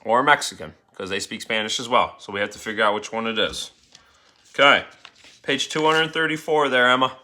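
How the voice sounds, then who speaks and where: Bright-voiced male teacher reading to class. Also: medium pitch, fairly quick. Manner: coaxing students to keep up, calling names. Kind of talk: reading a story aloud to a class.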